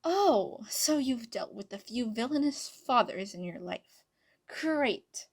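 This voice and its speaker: A woman voicing a shy, flustered teenage girl with a halting way of talking, in a fan reading of a story. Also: fairly high pitch. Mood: sarcastic.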